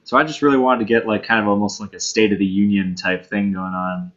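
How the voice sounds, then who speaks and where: A young man from New York rambles easygoingly as a podcast guest. His voice is low yet bright and forceful, and the sound is a bit dull and lo-fi. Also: fairly even intonation, fast talker. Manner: easygoing, rambling, many fillers. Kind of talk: casual podcast chat.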